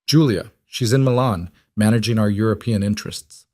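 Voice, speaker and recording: A man voicing a controlled, possessive crime boss husband who speaks in calm, curt, matter-of-fact lines. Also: fairly low pitch, normal speed, dry recording, studio quality, lightly acted.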